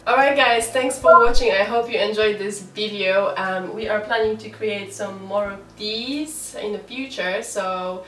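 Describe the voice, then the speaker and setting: A woman's voice: medium pitch, fairly even intonation, a little slow, bright, forceful tone, roomy sound, far from the mic, a little hiss or hum, rough recording. A woman who speaks Polish natively hosts a casual vlog, teaching Polish words to a friend with patient coaching and lots of giggling. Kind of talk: casual language-exchange chat.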